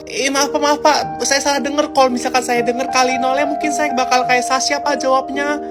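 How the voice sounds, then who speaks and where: A woman's voice: high-pitched, level tone, a little fast. A young woman performing a comic school skit, switching between several schoolgirl voices. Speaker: comedy creator. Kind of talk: one-person school skit. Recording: loud music bed.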